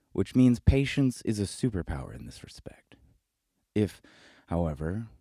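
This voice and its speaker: A man narrates a scripted video essay in a low, husky voice. His delivery is measured and reflective. The recording is dry and close. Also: mellow, no room sound.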